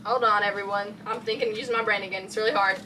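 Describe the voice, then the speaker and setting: Bright rambly young Texan woman. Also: mid-range voice, fairly even intonation, fast, a little hiss or hum, poor audio. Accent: light Texan. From Texas. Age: young adult. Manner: rambling, lots of "like" and "um", loses her train of thought. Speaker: vlogger. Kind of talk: casual chat. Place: her bedroom.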